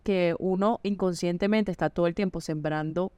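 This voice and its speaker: A woman's voice: on the low side, steady tone, normal speed, a little mellow, clean tone, no room sound. A woman hosting a podcast, asking long, reflective questions in casual conversation. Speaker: podcast host. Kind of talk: casual interview.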